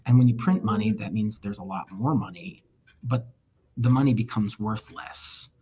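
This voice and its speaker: A man's voice: on the low side, moderate pace, warm tone, breathy edge. A male history teacher giving a casual recorded lecture, conversational with wry asides.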